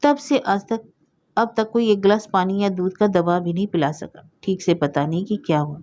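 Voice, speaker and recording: A woman reading the lines of a quiet younger brother who speaks in a dry, subdued way. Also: mid-range voice, normal speed, lo-fi sound, lightly acted.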